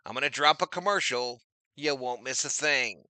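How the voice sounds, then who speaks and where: Male stream host calling baseball plays and greeting chat, tense bright tone, dead-dry mic. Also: mid-range voice, moderate pace, dry recording. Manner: chatty, reads out viewer names, loud on big plays. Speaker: streamer doing play-by-play. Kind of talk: casual live-stream baseball commentary.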